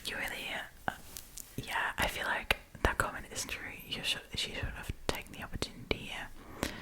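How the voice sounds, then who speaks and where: In a low-quality recording, a woman whispers breathily as an ASMR storytime host. She reads aloud and comments in a relaxed, informal, chatty way.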